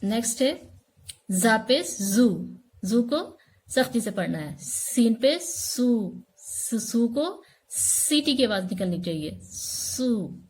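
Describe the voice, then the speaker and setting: Slow, patient woman teaching recitation. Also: a little high, sing-song, darkish tone, husky. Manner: patient, drills sounds slowly, repeats syllables; checks in with the listener often. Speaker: religious studies teacher. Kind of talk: recorded recitation lesson.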